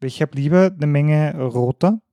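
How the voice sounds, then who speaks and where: Mellow-voiced man patiently explaining rules. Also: fairly high pitch, unhurried, no room sound. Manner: patient, affirming with short "Jawohl" and "Richtig". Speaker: podcast co-host explaining the game rules. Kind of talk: casual chat over a board game.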